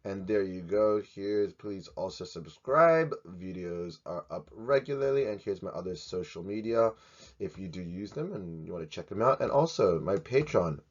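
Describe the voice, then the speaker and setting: A man teaches grammar to the camera in a jokey, animated manner. His voice sits low and his delivery keeps swinging between loud and soft. The recording sounds dull and lo-fi. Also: moderate pace. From Australia. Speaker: English teacher. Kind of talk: playful video lesson.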